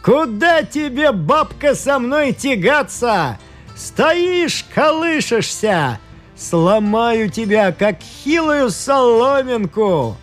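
Man playing a demon strongman, boastful, bellowing, high, very lively pitch, slow, faint music. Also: full character voice. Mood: mocking, straining.

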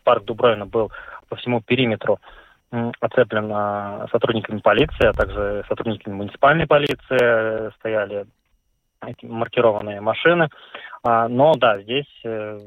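A man's voice: lowish voice, moderate pace, dry recording. A male radio correspondent giving a live news report by phone, hesitant and full of fillers. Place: city in eastern Latvia. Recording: tinny phone line.

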